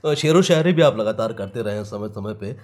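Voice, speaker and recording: A man's voice: fairly low pitch, animated, a little fast. A man hosting an interview, asking courteous, formal questions and often murmuring agreement. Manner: courteous, with frequent affirming murmurs. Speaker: interviewer, host.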